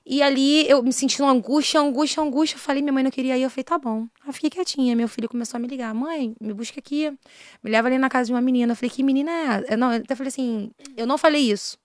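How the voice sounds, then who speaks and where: A woman who is a missionary and preacher, giving an earnest faith testimony in an interview. She swings between a hushed voice and raised, passionate delivery. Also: high voice, fairly even intonation, racing, no echo, clean studio sound.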